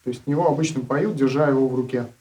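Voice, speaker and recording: A man's voice: mid-range voice, racing, warm tone. A man explaining an equipment demonstration, speaking from far away from the microphone. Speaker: presenter of an audio gear test channel. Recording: distant, roomy microphone pickup.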